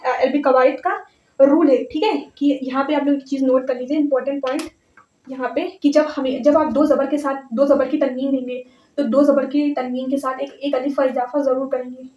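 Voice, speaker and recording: A woman teaching a grammar lesson step by step, patient, repeating words slowly and often checking that her students follow. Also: high voice, darkish tone. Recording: echoey, distant, slightly dull audio.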